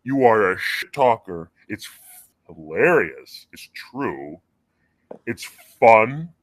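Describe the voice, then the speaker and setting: Man through a deep pitch-shifting voice changer. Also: very animated, dry recording, clean studio sound. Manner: rambling and halting, many fillers, swears freely. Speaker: caller. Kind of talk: casual call-in chat.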